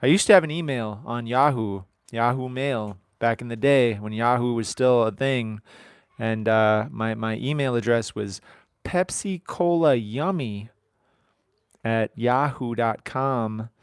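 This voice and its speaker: A man in his thirties hosts a casual live stream while working outdoors on his farm. His voice sits in an ordinary middle pitch and the sound is dry, with no room echo. He rambles from topic to topic and keeps throwing joking asides to the people watching. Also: a little slow, clean tone. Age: 30s. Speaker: livestream host.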